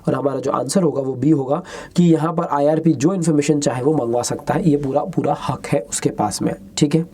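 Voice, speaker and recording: A male lecturer works through exam questions in a relaxed, mellow voice. He moves between Hindi and English and reads each question out slowly before turning to friendly, chatty explanations. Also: a little high.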